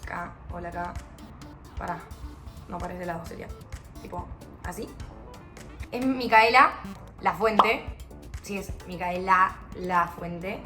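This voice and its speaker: A young adult woman vlogger from Argentina chats casually and pokes fun at herself to the camera in a home vlog, with music in the background. She has a Rioplatense Argentine Spanish accent and speaks slowly in a lowish voice, leaving long pauses.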